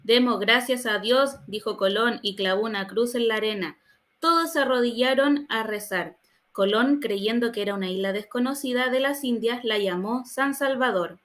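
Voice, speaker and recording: A woman's voice: fairly high pitch, moderate pace, a bit bright. A woman reading a children's audiobook, telling the story plainly in a child's first-person voice. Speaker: audiobook reader.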